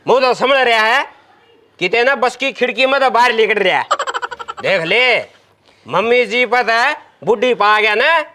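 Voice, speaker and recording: A man's voice: very high voice, animated, measured pace, pushed and bright, full character voice. A man with a Haryanvi accent playing an argumentative, cheeky drunken son-in-law in a village comedy sketch. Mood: taunting.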